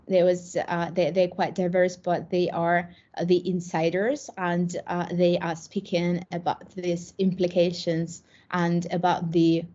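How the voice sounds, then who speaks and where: An academic presenter at an online conference, a woman with a Russian accent, answers questions hesitantly, full of fillers and restarts. Her voice is lowish and dark in tone, and the sound is lo-fi.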